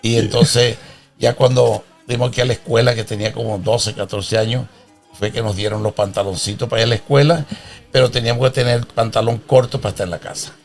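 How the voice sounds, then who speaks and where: A man in his sixties from the plains, telling of his childhood in an earnest, proud, unhurried way. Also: mid-range voice, fairly even intonation, gravelly, faint music behind. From Venezuela. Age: 60s. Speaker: interview guest, father of host. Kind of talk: casual interview.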